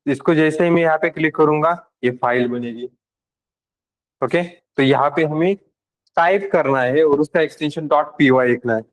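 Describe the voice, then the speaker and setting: A man's voice: fairly high pitch, moderate pace, poor audio. A man teaching a live programming class, talking casually and directly to his students. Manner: casual and direct with students, switching between Hindi and English terms. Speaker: programming instructor.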